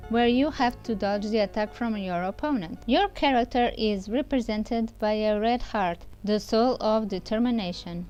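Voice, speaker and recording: A woman reviewer with a somewhat high, darkish voice does a casual, scripted game voice-over, chatting informally and speaking straight to viewers. The audio sounds dull, and music plays in the background.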